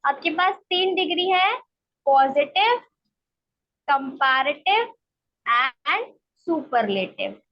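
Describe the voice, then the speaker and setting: A woman teaching an online English grammar class, explaining slowly and step by step and often checking that students follow. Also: high voice, animated. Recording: dull lo-fi online class audio.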